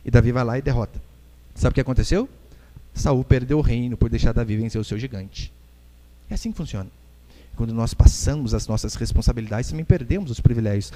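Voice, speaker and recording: A man with a Brazilian Portuguese accent preaching a sermon as pastor, joking and acting out little scenes as he goes. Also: medium pitch. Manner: animated preaching with jokes and acted-out quotes. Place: church hall. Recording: echoey church hall.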